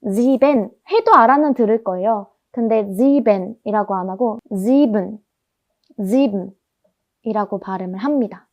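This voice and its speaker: A woman teaching German pronunciation, explaining patiently and drilling each word slowly through repetition. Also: medium pitch, animated, muffled recording. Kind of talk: explanatory language lesson.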